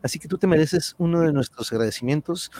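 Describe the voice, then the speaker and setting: A man's voice: on the high side, fast, dark tone. Mexican man hosting a casual livestream. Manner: slangy, thankful. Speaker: livestream channel host. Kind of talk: casual chat to livestream viewers.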